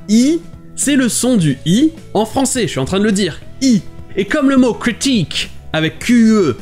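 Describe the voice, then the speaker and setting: A man from France hosting a short video lesson, explaining pronunciation clearly and methodically. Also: sits high, a little mellow. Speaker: English teacher and host.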